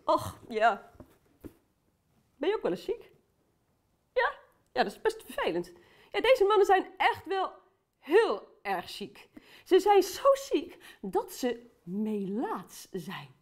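A woman's voice: sits high, wildly swooping pitch, slow, long pauses, full character voice. A woman playing a cheerful, chatty aunt who tells a Bible story to children and talks to them directly.

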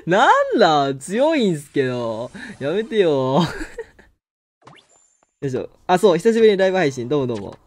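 A man with a Kansai accent giving excitable live commentary on his own game, exclaiming and laughing often. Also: on the high side, moderate pace. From Kansai, Japan. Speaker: game streamer.

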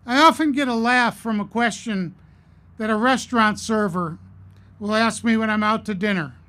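A middle-aged man giving a commencement address at a podium, earnest and measured, telling stories with pauses. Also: sits high, pushed and bright. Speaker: commencement speaker. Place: outdoor stage at a podium. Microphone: podium mic on a stand.

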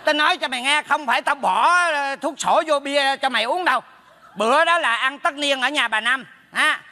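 High, bright, blunt neighbor who teases his friend; stage comedy with long reverb. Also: heavily acted. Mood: teasing. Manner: teasing, blunt, rapid scolding. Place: theater stage.

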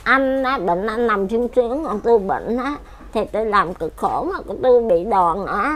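A woman's voice: medium pitch, lively intonation, moderate pace, a little hiss or hum. An older woman with a Southern Vietnamese accent, rambling and repeating herself as she complains about her life. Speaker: elderly widow being interviewed. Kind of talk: casual chat.

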